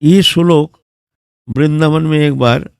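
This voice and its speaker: A man's voice: a little high, slow pace, creaky, clean tone, dry recording, studio quality. A man with a Bengali accent giving a devotional discourse, telling a story and chanting Sanskrit verses. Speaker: devotional speaker.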